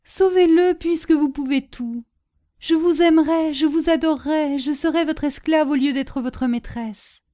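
A woman's voice: high-pitched, unhurried, dark tone, voice pushed up. A woman voicing a passionate young courtesan, pleading and crying out with raised, urgent intensity. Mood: desperate pleading. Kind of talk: audiobook character reading.

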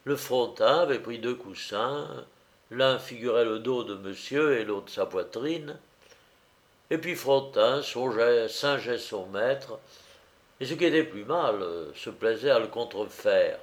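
Slow, measured male audiobook narrator. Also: medium pitch. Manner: measured, steady reading.

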